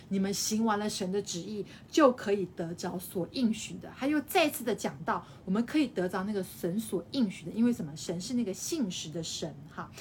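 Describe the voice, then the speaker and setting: A woman teaching a live-streamed Bible study, explaining by repeating her phrases and tagging sentences with a soft "ha". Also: on the high side, slight background noise.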